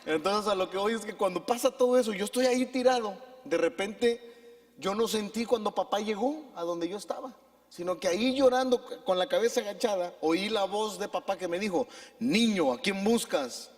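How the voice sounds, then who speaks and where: A Mexican pastor preaches from the pulpit with a fairly high voice, telling a personal story in an animated way and calling on the congregation to repeat his words. His voice rings out with the long reverb of a church hall. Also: brisk. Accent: Mexican Spanish. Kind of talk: preaching sermon with personal anecdote.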